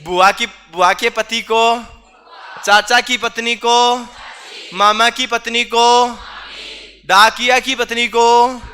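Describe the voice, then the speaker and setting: A man's voice: very high-pitched, fairly even intonation, takes it slowly, pushed and bright, faint music behind. A man teaching a class, quizzing students with repeated questions and teasing asides. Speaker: reasoning teacher. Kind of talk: online class lecture.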